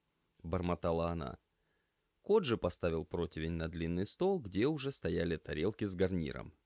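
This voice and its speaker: A man narrating an audiobook with expressive storytelling. His voice is very low yet lively in its pitch movement. The recording is close and dry. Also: moderate pace, no echo. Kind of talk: scripted narration.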